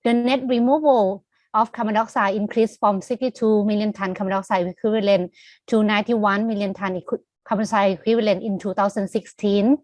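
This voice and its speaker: A woman's voice: mid-range voice, fairly even intonation, brisk, darkish tone, no echo. A woman giving a formal webinar presentation, steadily reading out statistics. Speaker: presenter from a Thai greenhouse gas agency.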